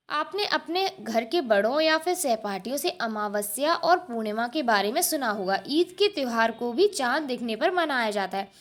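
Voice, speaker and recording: A woman's voice: fairly high pitch, fairly bright tone. A woman teacher working through a schoolbook lesson, explaining step by step, repeating answers and asking the class rhetorical questions. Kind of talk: textbook lesson walkthrough.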